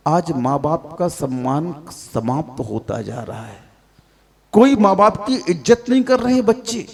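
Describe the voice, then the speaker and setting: A man delivers a sermon in a fairly high voice, taking his time and scolding the crowd. He keeps firing rhetorical questions at his listeners. The sound rings out with the long reverb of a big hall. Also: creaky, darkish tone. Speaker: Jain monk preacher.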